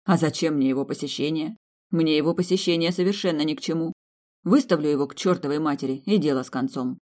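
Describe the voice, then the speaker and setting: Audiobook reader, plain steady first-person narration, mid pitch. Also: fast talker.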